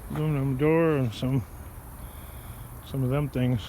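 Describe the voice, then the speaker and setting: A man's voice: mid-range voice, steady tone, unhurried, dark tone, slight background noise. A man casually narrating as he takes scrap apart, joking and mocking himself as he works. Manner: joking, self-mocking, talks to himself while working. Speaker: scrapper vlogger. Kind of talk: casual narration while working.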